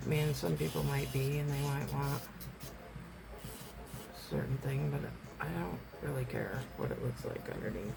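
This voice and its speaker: A woman with a rough, raspy smoker's voice gives a casual, rambling, self-deprecating hands-on tutorial as an amateur host. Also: a bass voice, steady tone, moderate pace, noisy background. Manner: rambling, self-deprecating, loses train of thought.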